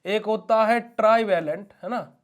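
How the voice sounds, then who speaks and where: High-voiced man lecturing pharmacy students. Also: a little slow. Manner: asks questions and answers them himself, calls students "beta ji". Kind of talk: classroom lecture.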